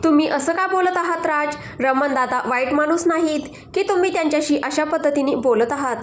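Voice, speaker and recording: A woman voicing a gentle, anxious young wife in a storybook, pleading hesitantly. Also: sits high, fairly quick, echoey room, close to an everyday voice.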